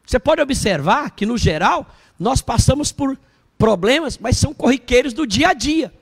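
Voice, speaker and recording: Bishop, male, very high gravelly voice, lively storyteller who quizzes the pews. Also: moderate pace. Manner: animated storytelling, questions the congregation. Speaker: bishop preaching. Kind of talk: sermon. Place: church service.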